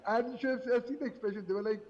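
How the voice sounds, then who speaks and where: Guy on a news panel calling in from a hotel, high voice, dull echoey line. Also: rapid-fire. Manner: animated, sarcastic, repeats phrases. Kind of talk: live news panel commentary. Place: hotel event venue.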